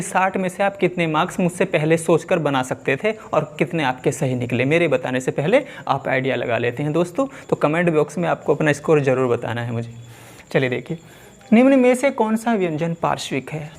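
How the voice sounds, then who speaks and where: A man's voice: fairly high pitch, brisk. A man teaching an exam-prep lesson, asking questions and repeating them to his viewers.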